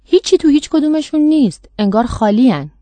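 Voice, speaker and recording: A woman voicing an eager, curious young boy in a storybook reading, with a raised, childlike pitch. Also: animated, warm tone, no room sound. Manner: eager, impatient.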